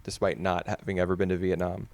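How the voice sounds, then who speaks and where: A man's voice: low-pitched, little pitch movement, quick pace, creaky, darkish tone. A man co-hosting a podcast, talking films casually with frequent restarts and fillers. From United States. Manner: hesitant, restarts often, chatty. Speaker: podcast co-host. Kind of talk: casual film discussion.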